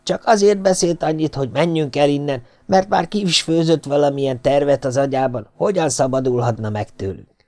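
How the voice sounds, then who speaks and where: A boastful, scheming sailor speaks with a raised, lecturing tone and smooth lies, as a male reader puts him on. He talks down to his listener in a tight, dry recording. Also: fairly high pitch, a little mellow, no echo, pitched above the performer's own voice, close to an everyday voice. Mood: wheedling. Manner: condescending, smoothly lying.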